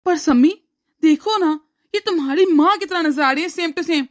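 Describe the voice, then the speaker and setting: A woman voicing a caring, agreeable young husband in a cartoon story, speaking in a gentle, reassuring way. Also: high-pitched, normal speed, lightly acted. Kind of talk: cartoon voice acting.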